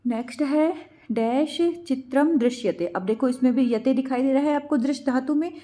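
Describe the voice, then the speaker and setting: Woman teacher, patient, asks and answers her own questions, mellow tone, slightly high voice. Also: moderate pace. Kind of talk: explaining exam answers.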